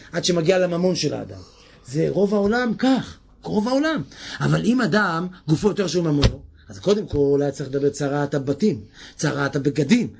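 A man giving a Torah sermon in an animated way, moving from hushed asides to shouted lines and often asking his listeners questions. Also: a little high, gravelly, husky. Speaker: preacher.

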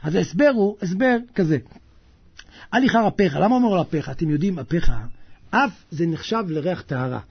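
A man delivers a sermon in a high, husky voice that leaps up and down with lively energy. He acts out the characters in his anecdotes with comic flair, moving between loud bursts and hushed asides. The recording sounds muffled and lo-fi. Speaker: rabbi. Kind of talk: Torah sermon with comic storytelling.

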